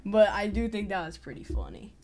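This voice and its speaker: A man's voice: sits high, sing-song, a little fast, a little mellow, soft background music. A man giving joking, sarcastic asides while reacting casually to a video. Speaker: reaction commentator.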